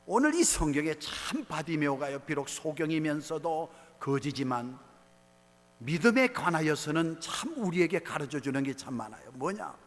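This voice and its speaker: A middle-aged male pastor preaching a sermon in a church sanctuary, his voice set a little high for a man. He swings between loud, rising calls and soft, low asides. The sound rings with a long hall reverb. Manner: preaching with rising shouts and sudden quiet drops.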